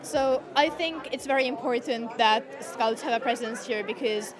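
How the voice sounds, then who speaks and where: A woman's voice: fairly high pitch, normal speed. A young woman from Finland, a scout, giving earnest, thoughtful interview answers. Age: young adult. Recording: crowd chatter behind.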